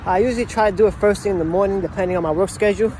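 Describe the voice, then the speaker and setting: A man's voice: high voice, racing, darkish tone. A man in his thirties, a fitness trainer, chatting casually and crudely to his phone about his workouts. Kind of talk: casual workout vlog chat, cursing. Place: outdoors in an open park. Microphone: handheld phone at arm's length. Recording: noisy outdoor phone recording, urban ambience.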